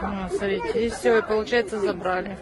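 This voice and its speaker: A man's voice: high-pitched, steady tone, fairly quick, poor audio. A man filming on a street and indignantly pointing out what is happening. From Ukraine. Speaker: bystander filming. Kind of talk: live street commentary. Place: outdoor street. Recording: loud crowd street noise.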